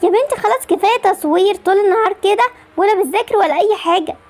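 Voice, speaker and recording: Anxious Egyptian mom, done by a woman, high, fast-talking, scolding, game story video. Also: a little mellow. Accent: Egyptian Arabic. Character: worried mother, middle-aged, scolding then remorseful.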